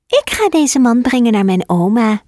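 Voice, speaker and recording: A woman's voice: a little high, big pitch swings, normal speed, no room sound, studio quality, pitched above the performer's own voice. A woman doing a chirpy little girl. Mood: cheerful. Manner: bright and chirpy. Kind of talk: storybook reading.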